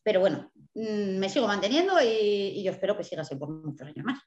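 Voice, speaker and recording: A woman's voice: mid-range voice, brisk, reverberant, lo-fi sound. A woman, a novelist from Spain, telling stories in a casual interview and acting out the voices of people she quotes. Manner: animated storyteller, acts out quoted dialogue, laughs often. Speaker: guest novelist.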